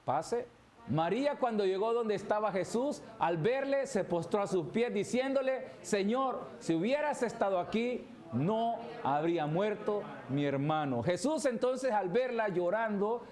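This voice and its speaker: A man's voice: sits high, lively intonation, measured pace, a little mellow. A male pastor preaching a Bible study sermon, reading scripture and constantly calling his listeners brother. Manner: addresses listeners as "hermano" constantly. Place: church.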